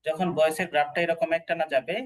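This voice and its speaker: Fairly high-voiced male tutor. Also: little pitch movement, fast talker, low-quality recording. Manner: explains step by step, checks understanding often. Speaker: PTE exam instructor. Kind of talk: online class teaching.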